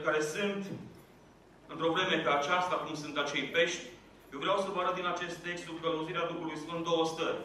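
A man preaching an impassioned sermon in church, rising to loud exhortation. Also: on the high side, a little hiss or hum. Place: church hall. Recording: echoey church hall, mic far off.

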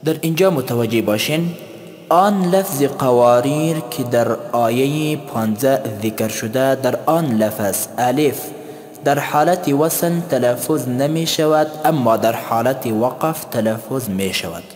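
A man teaching a tajweed lesson. He explains slowly and chants the example words. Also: mid-range voice, a little mellow. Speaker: Quran recitation teacher. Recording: long hall reverb.

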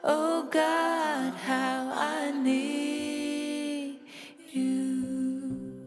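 Young female worship leader, high voice, very slow singing, stage mic. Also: flat delivery, music in the background. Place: church stage with band. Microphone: handheld stage mic. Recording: full band behind the voice.

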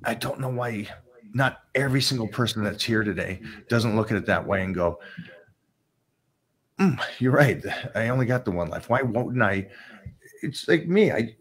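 A man's voice: mid-range voice, expressive, normal speed. A man co-hosting a live question-and-answer show, teasing and motivational, talking into a desk mic in a studio. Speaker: co-host. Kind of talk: live Q&A chat. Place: studio set with backdrop. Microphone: desk microphone.

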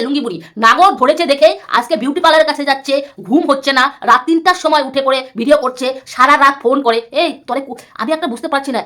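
Woman vlogger, angry roast rant, insulting and repetitive; rapid, high delivery. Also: a bit bright. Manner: scolding, insulting, repeats herself a lot. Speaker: YouTuber.

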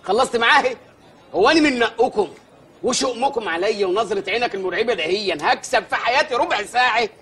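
An actor playing a brash, excitable village mayor with an Egyptian accent, in a comedy film. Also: male voice, very high-pitched, a little hiss or hum, exaggerated voice. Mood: scolding. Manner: rapid, loud comic bluster.

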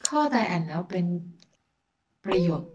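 A woman's voice: fairly low pitch, animated, normal speed, lo-fi sound, heavy background noise. A young woman reading quiz questions aloud and puzzling over them in casual chat. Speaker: vlogger, co-host.

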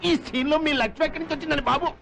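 A man's voice: extremely high pitch, fairly even intonation, very fast, gravelly, a bit bright, exaggerated voice. An actor playing a nervous male crook at a ransom handover. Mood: panicky. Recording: film soundtrack with music.

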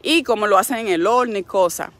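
A woman's voice: mid-range voice, a little fast, fairly bright tone. A middle-aged Dominican woman speaking with a Dominican Spanish accent, a wellness coach giving a frank, preachy, faith-based motivational talk. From Dominican Republic.

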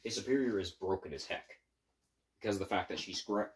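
A man's voice: fairly low pitch, brisk, noisy background. A man improvising a fan story, rambling with frequent stops and restarts as he retells it. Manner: rambling, stop-and-start retelling.

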